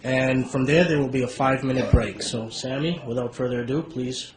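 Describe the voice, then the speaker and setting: A man's voice: medium pitch, fairly even intonation, fairly quick, a crowd in the background. A man moderating a debate, making formal announcements to the audience. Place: debate hall. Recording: echoey hall, loud background noise.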